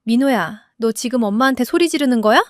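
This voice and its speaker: A woman's voice: fairly high pitch, animated, fast talker, no room sound, studio quality, close to an everyday voice. Woman reading as a scornful domineering mother-in-law. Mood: scolding. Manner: scolding, sharp-tongued.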